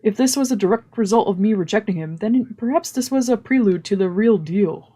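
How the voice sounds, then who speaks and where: Her mid-range voice is husky and mellow, brisk and expressive. This streamer dramatically reads a visual novel in a let's play over game music, dropping casual asides between stretches of narration.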